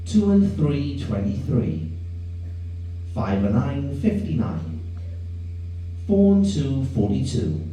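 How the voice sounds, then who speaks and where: A man working as a bingo caller, reading out numbers in a measured, repetitive sing-song formula. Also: mid-range voice. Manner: measured, repetitive call pattern with swinging intonation. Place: echoey bingo hall, recorded from a distance. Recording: distant, echoey, dark sound with faint hum.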